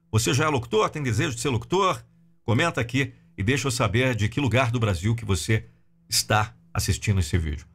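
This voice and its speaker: A man's voice: mid-range voice, husky. A Brazilian man in his forties talking to camera as a voice professional, polished and articulate, close on a studio microphone. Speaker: professional voice-over artist and teacher. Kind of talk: talking to camera about voice work. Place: small sound-treated home studio. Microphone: close studio condenser microphone.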